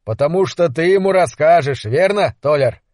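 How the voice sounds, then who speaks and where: A man voicing a big, scornful young bully who talks slowly and with threat, in an audiobook. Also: fairly high pitch, animated, no echo, studio quality, lightly acted. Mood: taunting. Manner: loud, slow and menacing.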